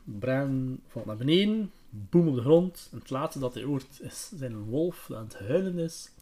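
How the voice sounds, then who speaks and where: A man retells a book on his podcast in a relaxed, chatty way. He hesitates often and fills gaps with fillers. His voice sits at an ordinary middle pitch. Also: measured pace. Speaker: podcast host.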